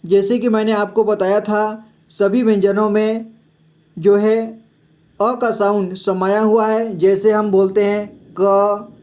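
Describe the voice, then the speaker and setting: A man's voice: sits high, level tone, takes it slowly, a little mellow. A man teaching Hindi syllables in a patient classroom style. He repeats each sound and checks in often. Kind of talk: slow classroom-style explanation.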